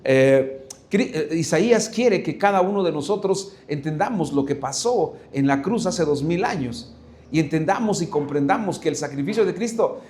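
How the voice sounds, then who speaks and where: A man's voice: on the high side, expressive, normal speed, darkish tone, a little hiss or hum. A man, preaching a sermon as pastor, earnest and searching, often restarting and asking rhetorical questions.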